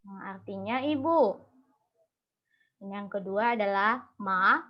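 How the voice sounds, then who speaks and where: A woman's voice: mid-range voice, a little slow. A young woman teaching Mandarin tones online, explaining patiently step by step with many fillers over a video call. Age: young adult. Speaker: Mandarin tutor. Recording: dull lo-fi video call audio.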